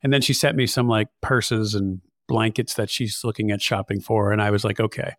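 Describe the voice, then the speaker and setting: A man's voice: fairly low pitch, fairly even intonation, fairly quick, fairly bright tone, dry recording, clean studio sound. A man, a podcast host, candidly recounting a personal story in casual chat. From California. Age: older. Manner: candid, plain-spoken, recounting events.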